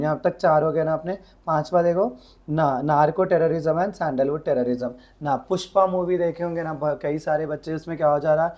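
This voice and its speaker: Low-voiced woman tutor, dark tone. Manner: slow dictated English definitions, quick conversational Hindi explanations; keeps asking rhetorical questions. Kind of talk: exam revision lesson.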